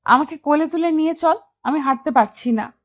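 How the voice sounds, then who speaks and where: A woman's voice: high voice, brisk, dry recording, lightly acted. A woman voicing a bossy, clingy young wife in a romantic audio drama, teasing and demanding.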